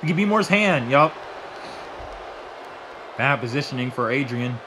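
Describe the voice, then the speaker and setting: A man doing excitable solo play-by-play of a wrestling match, swearing and breaking into shouts. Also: mid-range voice, unhurried, noisy background. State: out of breath. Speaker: wrestling commentator.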